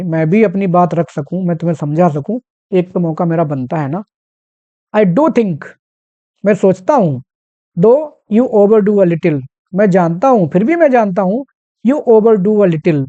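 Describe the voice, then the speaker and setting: A literature teacher giving a line-by-line poem explanation. The teacher reads each English verse line slowly, then explains it in Hindi mixed with English. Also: mid-range voice, lively intonation, dark tone, no echo, dull audio.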